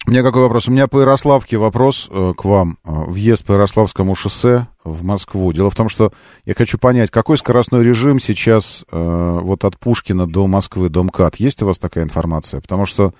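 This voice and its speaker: A man with a fairly low voice talks as a radio host. He chats casually with callers, drawing out phrases as he thinks. The sound is dry and close, like a studio. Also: fairly quick, a little mellow, no echo. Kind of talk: casual live talk with callers.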